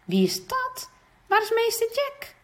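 A woman's voice: on the high side, very animated, normal speed, a bit bright. A woman voicing a shy, anxious little girl with a timid, hesitant way of talking. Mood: worried.

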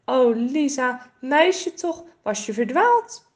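A woman's voice: high voice, very animated, takes it slowly, heavily acted. A woman voicing a caring mother who comforts her lost daughter in a storybook. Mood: tender. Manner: tender, comforting.

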